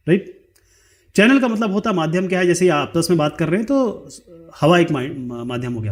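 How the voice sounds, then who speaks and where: A man with a noticeably high-pitched voice explains a lesson step by step. He illustrates each point with everyday examples and keeps asking "right?" to check in. He slips English technical terms into his explanations. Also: darkish tone. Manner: checks in with frequent "right?" tag questions. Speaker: teacher. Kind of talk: explanatory lecture.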